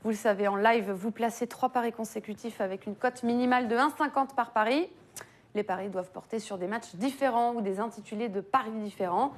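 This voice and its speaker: A woman hosting a live sports betting stream, brisk and upbeat as she reads promotions and runs a quiz. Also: fairly high pitch. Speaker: host. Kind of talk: live betting show presenting.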